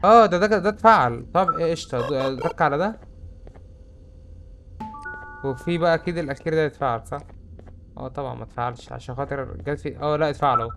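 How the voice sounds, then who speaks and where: A man's voice: mid-range voice, steady tone, fast, pauses often, a bit bright, faint music behind. A young man with an Egyptian Arabic accent, chattering through a horror game and saying he is scared. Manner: chatty, jumpy, easily spooked. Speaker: gamer. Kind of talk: let's-play commentary.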